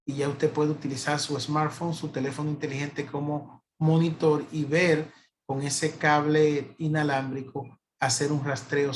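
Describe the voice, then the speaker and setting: A man's voice: a little high, slight background noise. A man who works as a radiologist, giving an educational lecture and explaining step by step, repeating himself and restarting phrases as he thinks.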